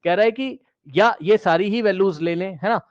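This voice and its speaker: A man's voice: high-pitched, moderate pace, no room sound, muffled recording. A man teaching a math class, questioning students directly and repeating key phrases, mixing English math terms into his explanation.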